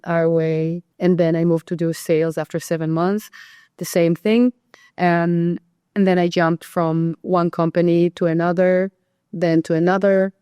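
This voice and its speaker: A woman from Israel, a real estate agent guest on a podcast, talking conversationally with many ums and pauses. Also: fairly low pitch, dark tone, clear, resonant tone, no echo, studio quality. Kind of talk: podcast interview.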